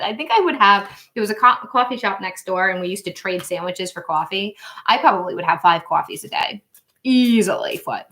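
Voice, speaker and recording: A woman's voice: fairly low pitch, bright, forceful tone. Chatty woman in her thirties doing a tarot livestream, rambles a lot and laughs easy. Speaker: tarot reader and channel host. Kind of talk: casual livestream chat.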